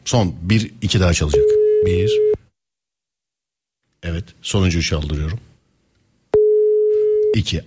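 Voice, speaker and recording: Brief: lively, joking male radio host, noisy broadcast sound. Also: fairly low pitch. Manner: playful, teasing, laughs often. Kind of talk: live radio call-in chat.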